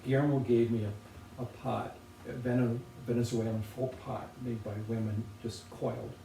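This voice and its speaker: Older male potter, thoughtful and unhurried; gravelly, captured from across a roomy space. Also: medium pitch, little pitch movement, dark tone. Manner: thoughtful, unhurried, with pauses and restarts. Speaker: potter presenting objects. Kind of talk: relaxed reflective conversation. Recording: roomy, distant from the mic, faint noise.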